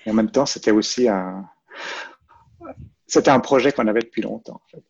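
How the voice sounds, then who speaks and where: A man's voice: on the low side, moderate pace, creaky, darkish tone, husky. A man in his forties with a Swiss French accent from Vaud, answering interview questions hesitantly with many fillers and restarts. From Switzerland. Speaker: guest, librarian and photographer. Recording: muffled, lo-fi.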